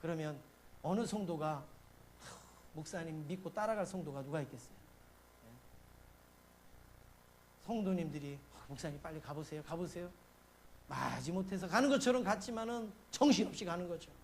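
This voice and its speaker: A middle-aged man preaching a sermon as a pastor, telling stories and acting out his panic in sudden loud bursts. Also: high-pitched, animated, moderate pace, long pauses, slight background noise. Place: church sanctuary.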